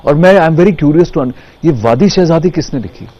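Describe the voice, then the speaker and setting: A man's voice: fairly high pitch, rapid-fire, mellow, dull audio. A man with an Indian accent interviewing conversationally, eagerly repeating and rephrasing his questions.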